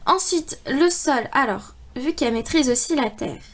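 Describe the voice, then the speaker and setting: A woman's voice: high voice, animated, measured pace, fairly bright tone. A young woman casually presenting a handmade craft model for a contest, chatty with frequent fillers and little laughs. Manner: chatty, many fillers and giggles.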